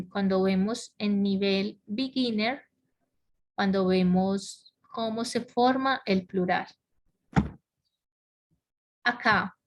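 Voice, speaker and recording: A woman teaching an English grammar lesson online, explaining rules step by step and often checking in with her students. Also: mid-range voice. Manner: explains step by step, checks understanding with frequent questions.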